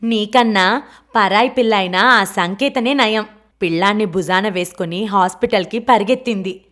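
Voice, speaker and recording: A woman voicing a sharp-tongued older aunt who scolds her lazy nephew, read in an audiobook. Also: medium pitch, normal speed, lightly acted. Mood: scolding. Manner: scolding, reproachful.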